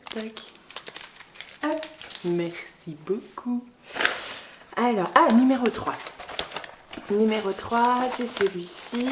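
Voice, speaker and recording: A young woman vlogs in a relaxed, unhurried way as she opens presents, gushing over each one with lots of fillers and delighted exclamations. Her home recording carries a clear hiss of background noise behind her voice. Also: medium pitch. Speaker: book vlogger. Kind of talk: casual vlog, unboxing gifts.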